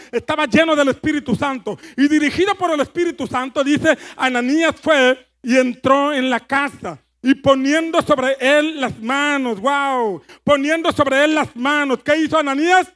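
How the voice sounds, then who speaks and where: Fervent high-voiced man preaching. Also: a bit bright. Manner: fervent, repeats phrases, leads congregation call-and-response. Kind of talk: sermon.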